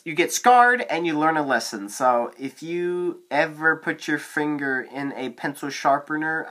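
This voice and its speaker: A man's voice: on the high side, fairly bright tone. Teen boy vlogger on phone cam, rambling advice, filler-heavy, voice cracks at times. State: voice cracking now and then. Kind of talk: casual advice monologue to camera. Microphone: phone camera.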